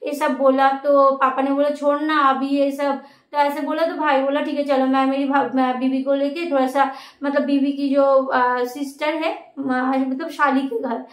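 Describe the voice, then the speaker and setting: A woman vlogger telling a family story in a casual, rambling way, with many pauses and restarts. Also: high voice, flat delivery. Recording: echoey room.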